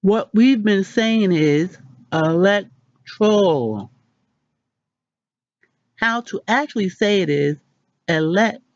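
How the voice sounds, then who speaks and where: A woman hosting a casual pronunciation lesson, chatty and self-deprecating, repeating words slowly. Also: medium pitch, lively intonation, no echo, lo-fi sound. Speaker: channel host.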